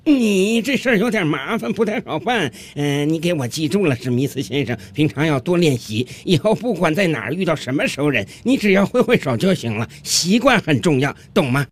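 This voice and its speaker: A man voicing a displeased psychiatrist lecturing a patient slowly. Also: fairly high pitch, animated. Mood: stern. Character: stern lecturing male psychiatrist.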